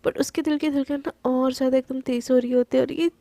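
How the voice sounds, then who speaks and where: A woman narrates a story in a chatty, casual flow, full of little fillers. Her voice is high yet mellow, and the recording is close and dry. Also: fairly even intonation, fast talker, dry recording. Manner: chatty, filler-heavy Hinglish retelling.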